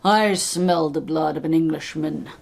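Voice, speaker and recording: A woman voicing a huge, gruff male giant in a storybook tale, speaking low and slow. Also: a little mellow, full character voice. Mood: menacing.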